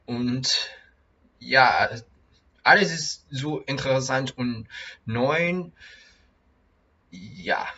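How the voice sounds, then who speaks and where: A young German learner, whose first language isn't German, speaks slowly and haltingly in a casual home-video vlog, restarting phrases often and using many fillers. His mid-range voice is bright, a little forward, lively in intonation and touched with vocal fry. The recording sounds dull and lo-fi.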